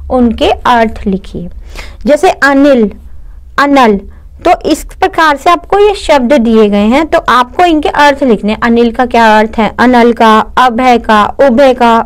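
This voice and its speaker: A young woman with a high voice gives a lesson to children. She explains step by step, asking questions and then answering them herself, and slips English words into her speech. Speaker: teacher. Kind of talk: online class lesson for children.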